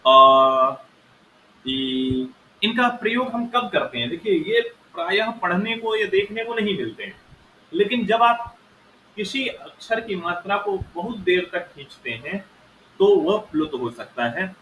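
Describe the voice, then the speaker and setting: A man's voice: sits high, normal speed, fairly bright tone. A man teaching Sanskrit grammar, explaining step by step and sounding out vowels aloud to show their length. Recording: echoey room with faint noise.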